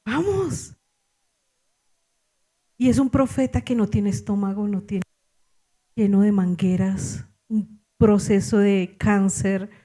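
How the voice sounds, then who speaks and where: A middle-aged woman pastor with a Colombian accent, telling a story in a sermon, animated and laughing with exclamations. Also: mid-range voice, unhurried.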